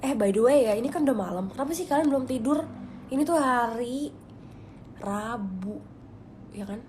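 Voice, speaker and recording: A woman's voice: fairly high pitch, expressive, moderate pace, darkish tone, slight background noise. A young woman, chatting casually on a phone livestream in a confiding way that often drops to a whisper. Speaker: livestream host.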